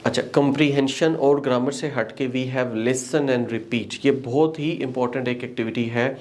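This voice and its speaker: A man with a middle-pitched voice presents his English institute's courses. He explains step by step and lists topics one after another. He mixes Hindi-Urdu with English phrases throughout. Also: darkish tone. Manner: explanatory, lists items, frequent "okay" checks. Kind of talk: promotional course walkthrough.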